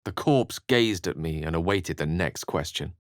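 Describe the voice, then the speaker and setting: A bookish wizard in a fantasy video game speaks in a low, animated voice at normal speed, wry and courteous, picking ornate words with theatrical care and dramatic phrasing. His intonation swings widely, moving between theatrical dialogue and hushed, grave, storybook-like narration. The recording is dry and close, with no echo.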